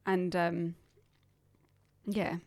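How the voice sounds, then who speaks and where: With a fairly low, darkish voice, flat delivery and drawn-out words, a young Englishwoman rambles through her solo podcast, chatty and self-deprecating. It's a dry studio-quality recording, made indoors in a hot, humid place.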